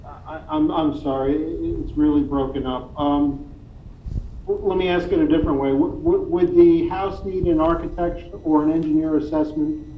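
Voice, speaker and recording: Halting council member on a tinny remote call, apologetic, slightly high voice, volume uneven throughout, faint hiss behind. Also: male voice, fairly even intonation, reverberant. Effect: uneven volume, level rising and dropping. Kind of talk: questioning at a public meeting. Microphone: remote call audio.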